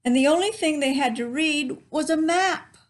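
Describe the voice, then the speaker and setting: Her voice is high and her pace moderate as she reads a picture book to children at the library. She brings the story to life with expression and pauses for friendly asides about the pictures.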